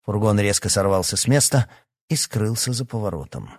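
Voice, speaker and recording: Male narrator, low-pitched, measured expressive reading. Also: slightly rough, no room sound, studio quality. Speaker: audiobook narrator. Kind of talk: scripted narration.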